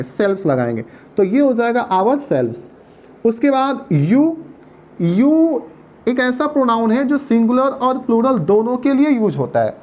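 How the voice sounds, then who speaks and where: A man with an extremely high-pitched voice gives a patient grammar lesson at a board, repeating each point and checking that students follow. The recording has its highs cut off.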